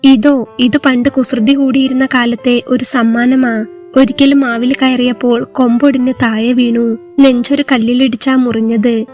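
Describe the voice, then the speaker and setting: Gentle, loving young husband in a storybook, read by a woman, soft-spoken, even and level delivery. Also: extremely high pitch, measured pace, soft background music. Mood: tender. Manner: soft, affectionate speech.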